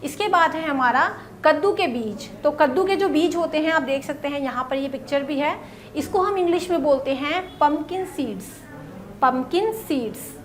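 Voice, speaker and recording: A woman teaching vocabulary in a casual lesson, saying each word and then repeating it slowly for pronunciation. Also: high voice. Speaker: English teacher.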